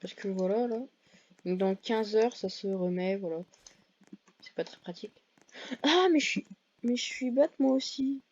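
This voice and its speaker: A woman's voice: mid-range voice, a little slow, long pauses, a little mellow, dull audio. A woman giving casual, hesitant commentary over her gameplay, full of fillers and self-corrections. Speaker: gaming video creator.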